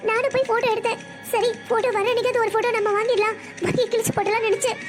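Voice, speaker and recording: A woman's voice: very high voice, fairly even intonation, very fast, over loud music. A woman voicing a heartbroken seventeen-year-old girl in a family cartoon, complaining through tears. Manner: tearful, complaining. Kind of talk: cartoon voice acting.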